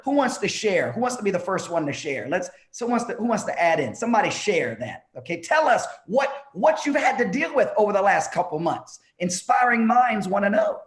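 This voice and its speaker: A man in his fifties with a high voice hosts a casual church group chat over a video call, cheerful and encouraging as he nudges people to share. The room around him rings with echo. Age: 50s. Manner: upbeat, encouraging, teasing. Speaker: bishop hosting a singles discussion.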